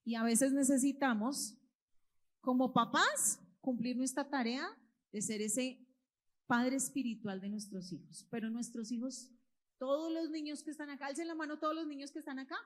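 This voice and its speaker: Brief: woman, somewhat high voice, lively storytelling preacher for kids and parents. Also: normal speed. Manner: expressive, quizzes the listeners. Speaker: children's church teacher. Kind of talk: storytelling sermon to families. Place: church hall with children present.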